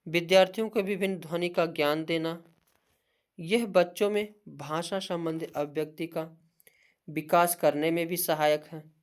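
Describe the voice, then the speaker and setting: A mid-range voice belongs to a Hindi teacher giving an exam-prep lecture. She lists points at a steady rate, and often she turns a sentence into a question halfway through, then answers it herself.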